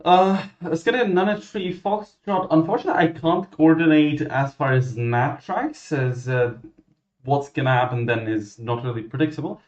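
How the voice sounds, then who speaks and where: A man working as a ground controller, giving clearances and commentary in a halting, self-correcting way. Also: a little high, a little mellow. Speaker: virtual air traffic ground controller. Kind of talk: radio clearances and explanatory commentary. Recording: muffled, roomy microphone sound.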